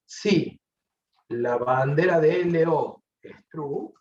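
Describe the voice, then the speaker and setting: A man's voice: mid-range voice, a little hiss or hum. A man with a Rioplatense Spanish accent teaching a programming class online, explaining step by step and often checking in with the students. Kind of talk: online class, live coding. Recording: distant, muffled online class audio.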